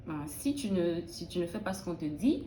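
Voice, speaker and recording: A woman's voice: lowish voice, big pitch swings, normal speed, mellow, roomy sound, a little hiss or hum. A young woman from Benin, a student in early childhood education, answering interview questions in a thoughtful, hesitant way with many restarts.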